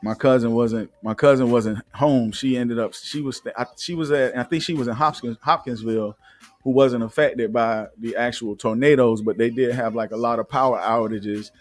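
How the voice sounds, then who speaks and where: This man hosts a live show in Atlanta, speaking at normal speed with a medium pitch and fairly even intonation. He reads news aloud and chats casually, loosely, with many fillers and frequent restarts.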